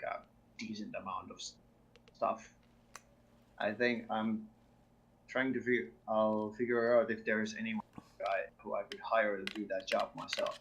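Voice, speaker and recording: A man's voice: fairly low pitch, background noise. A man playing a tabletop role-playing game, talking casually and searching for his words. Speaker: player.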